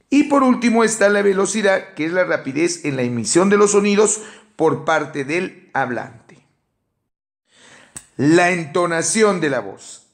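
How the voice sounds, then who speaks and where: A man with a Peruvian Spanish accent giving a measured academic lecture, working through a numbered list of points. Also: on the high side. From Peru. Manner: measured explanatory delivery with enumerations and fillers. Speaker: teacher.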